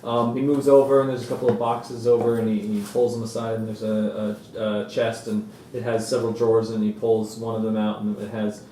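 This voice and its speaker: Man, game master narrating a tabletop game, halting and full of fillers, mellow voice, distant mic in a roomy space. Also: on the low side, flat delivery, slight background noise.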